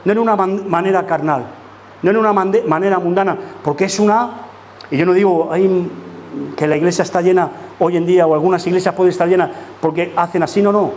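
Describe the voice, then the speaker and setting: A man's voice: high-pitched, fairly quick, darkish tone, slight background noise. A man from preaching a sermon as pastor, emphatic and full of rhetorical questions to the congregation. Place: church.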